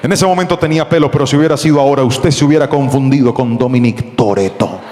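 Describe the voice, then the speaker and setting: A male pastor, preaching a sermon and acting out a story, animated, often shouting the quotes. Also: medium pitch, quick pace, in a large hall.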